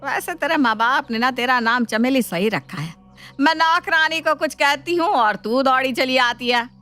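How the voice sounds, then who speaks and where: A woman voices a spiteful cartoon mother-in-law who taunts without letting up. Her voice is high and bright, with soft music behind it. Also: expressive, normal speed. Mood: mocking. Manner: taunting, mocking. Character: scheming, sharp-tongued mother-in-law, taunting. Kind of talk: cartoon voice acting.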